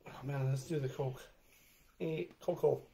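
A man co-hosting a casual snack taste-test chat, playful, with drawn-out exclamations. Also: mid-range voice, fairly even intonation, creaky, dark tone, slight background noise. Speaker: co-host.

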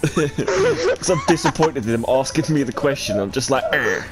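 A man's voice: medium pitch, huge pitch swings, moderate pace, rough recording. A man chatting in a gaming voice call, slangy and giggly. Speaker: gamer in voice chat. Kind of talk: casual gaming banter. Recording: voice chat over loud music.

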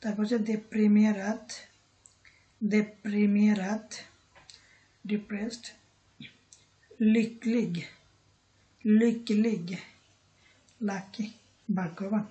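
A woman teaching a vocabulary lesson, repeating each word and pausing often with a filler word. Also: mid-range voice, fairly even intonation, mellow, highs cut off. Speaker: language teacher.

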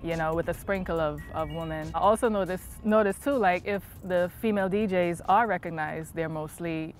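Easygoing woman, lowish voice. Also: normal speed, faint music behind. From Trinidad. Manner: easygoing, with frequent "you know" and "um". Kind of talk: documentary interview. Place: outdoors in a sunny park.

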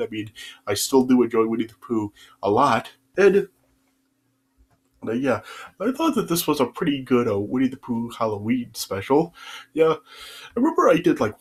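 A young man with a stuffy nose from a cold rambles through a casual YouTube video review, full of fillers and restarts. His voice is mid-range and slightly rough. He's recorded on a webcam at desk distance in a small bedroom.

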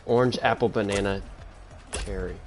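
A teenage boy streaming a video game live, excitable and yelling at the game, with game music behind him. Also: lowish voice, normal speed. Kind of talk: live gaming stream commentary.

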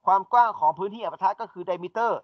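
High-voiced and quick, this man is lecturing an engineering class, breaking ideas down step by step and asking the students questions. There's no echo, and the recording sounds dull and dry.

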